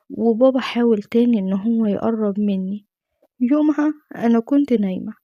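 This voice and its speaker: A woman's voice: a little high, dark tone, no room sound, highs cut off. A woman with an Egyptian Arabic accent, narrating a dramatic true-life story in the first person with earnest emotion.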